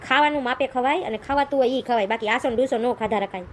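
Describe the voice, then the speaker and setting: A woman's voice: on the high side, quick pace, slight background noise, lightly acted. A woman playing a scolding, lecturing village husband in a comedy skit.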